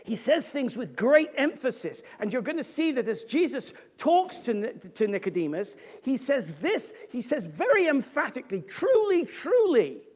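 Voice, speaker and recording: A woman preacher delivers a sermon in a lively, swinging voice. She explains scripture with strong emphasis and breaks into casual asides to her listeners. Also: a little high, normal speed, few pauses, breathy edge.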